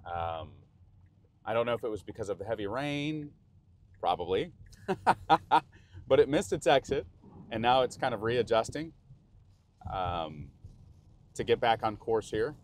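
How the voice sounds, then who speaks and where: A man's voice: mid-range voice, lively intonation, a little slow, long pauses. A man with a Texan accent giving rambling, chatty commentary while driving a car in the rain, recorded on an action camera mounted inside. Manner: chatty, rambling, self-interrupting. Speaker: vlogger.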